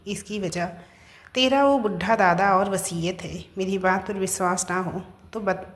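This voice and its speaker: A woman's voice: mid-range voice, fairly even intonation, unhurried, natural voice. A woman voicing a scheming young husband who taunts and threatens his wife, in a narrated story. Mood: taunting.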